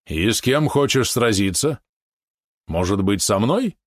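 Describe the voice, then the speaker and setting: A man's voice: fairly low pitch, sing-song, measured pace, no echo, clean studio sound. A man voicing a commanding warrior prince in an audiobook, stern and mocking.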